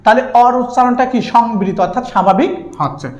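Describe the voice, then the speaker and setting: A man's voice: very high voice, fast. Bangladeshi man teaching in an echoey room. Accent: Bangladeshi Bengali. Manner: asks questions and answers them himself, drawing out words. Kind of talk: exam-prep grammar lesson.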